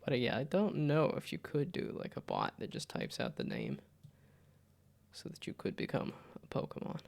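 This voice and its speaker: A man's voice: medium pitch, huge pitch swings, moderate pace, creaky. A man chatting casually as he hosts a game livestream, rambling and often trailing off mid-thought. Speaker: livestreamer host. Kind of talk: casual livestream chat while playing games.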